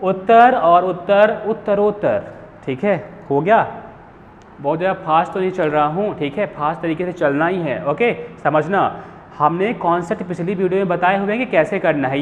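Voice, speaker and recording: A young man with a high voice runs a grammar lesson, firing questions at the class and answering them himself. The sound is thin and phone-like, with a long hall echo and faint hiss behind it. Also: moderate pace. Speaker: Hindi grammar teacher.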